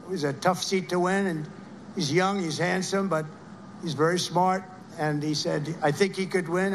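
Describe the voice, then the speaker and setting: A man's voice: high voice, slight background noise. A man giving a rambling rally speech, heaping repeated praise on people in the crowd. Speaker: political speaker at a rally.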